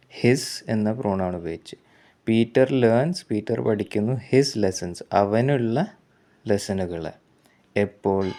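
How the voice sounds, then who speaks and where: A man with a Malayali accent teaches English grammar in a patient, repetitive way, with a somewhat low voice. He stops to correct himself and reads each example sentence very slowly and deliberately. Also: dark tone. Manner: slow, repetitive explaining with self-corrections. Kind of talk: explanatory grammar lesson.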